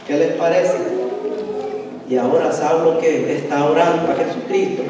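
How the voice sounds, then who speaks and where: A man's voice: on the high side, normal speed, background noise. A man preaching a sermon in a church, often asking the congregation to finish his sentences and acting out scripture dialogue. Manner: call-and-response questions to the congregation. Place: church sanctuary. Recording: echoey hall, distant mic.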